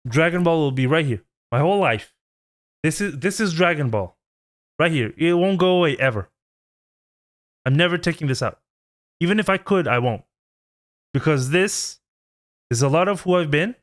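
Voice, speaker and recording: A man's voice: fairly high pitch, expressive, normal speed, pauses often. A man in his twenties, a channel host, giving an earnest, pleading vlog rant. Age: 20s.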